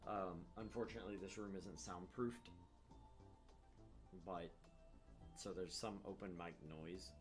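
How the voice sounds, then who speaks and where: A man hosting a gaming channel jokes, swears casually and reads visual novel text aloud. His low-pitched voice is fairly even in intonation, a little slow and full of pauses. He's in a room at home that isn't soundproofed, on a shared open microphone that picks up room noise, with music playing behind.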